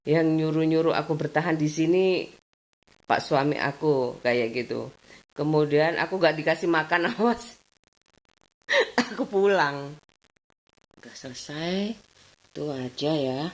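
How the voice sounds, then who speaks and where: A woman's voice: low-pitched, moderate pace. A woman chatting casually in her home vlog, laughing often. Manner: chatty, laughs often, mixes in Javanese words. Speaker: vlogger.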